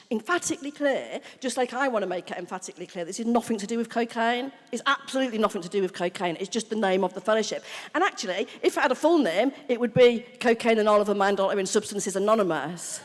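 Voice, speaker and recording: A British woman speaks as the main speaker at a recovery convention. Her voice sits fairly high, and she tells her story bluntly and with animation, swearing freely and mimicking her old self. A long reverb trails her words through a large hall. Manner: frank, animated storytelling with swearing and mock quotes of herself. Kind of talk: personal recovery testimony to a live audience.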